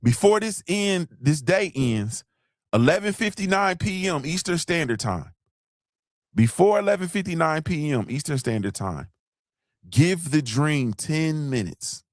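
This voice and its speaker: A man's voice: on the high side, expressive, a little slow, no echo, studio quality. A man hosting a morning show, giving fired-up motivational talk and repeating lines for emphasis. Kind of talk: motivational live-stream talk.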